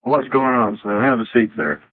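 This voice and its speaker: A man speaking through a doorbell camera speaker, with a husky voice and halting, urgent explanations. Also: mid-range voice, steady tone, no echo. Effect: heard through a doorbell camera speaker. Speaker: neighbor. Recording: tinny doorbell camera audio from afar.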